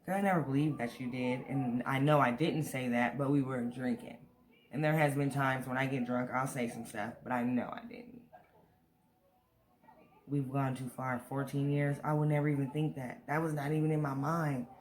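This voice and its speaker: A man's voice: mid-range voice, steady tone, normal speed, slight background noise. An American man talking casually and at rambling length to viewers, venting in a storytime vlog. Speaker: vlogger. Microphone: camera on a tripod.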